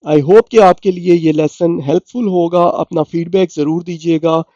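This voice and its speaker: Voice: mid-range voice, fairly even intonation, moderate pace, warm tone, no room sound, muffled recording. A language teacher giving a beginner lesson, spelling out each word letter by letter and repeating it.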